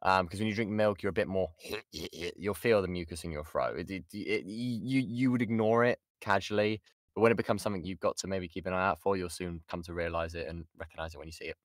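Speaking close to the mic with a dry sound, this British voice actor runs a casual lesson with questions from his audience over an online call. His voice is low and steady in tone, fairly quick, and he jokes and chats, frequently breaking off mid-thought.

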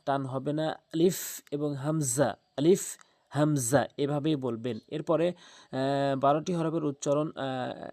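A man gives a recitation lesson, sounding out Arabic letters with long held vowels and urging listeners to pay close attention. His voice sits a little high with a gravelly edge. The recording is dry and close, with no room sound. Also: a little mellow, no room sound. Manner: drawn-out demonstrations of letter sounds; repeats points, urges viewers to watch closely. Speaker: Quran recitation teacher.

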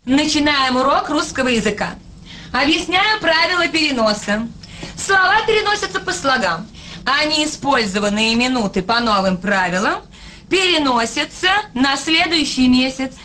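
Bright, high-voiced schoolteacher. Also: female voice, sing-song, moderate pace, a little hiss or hum, full character voice. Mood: instructive. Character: brisk female schoolteacher in a commercial.

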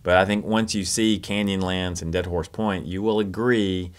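A middle-aged man with a notably low voice talks through travel advice with a wry, understated humor. His commentary is relaxed and conversational. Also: normal speed. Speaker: travel vlog co-host. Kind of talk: scripted commentary with co-host.

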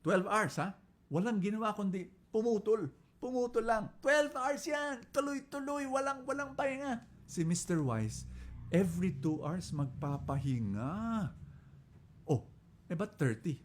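A man with a Filipino accent giving an inspirational talk, telling stories with lively jumps in pitch and volume and switching between Filipino and English. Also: measured pace, a little hiss or hum. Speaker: preacher.

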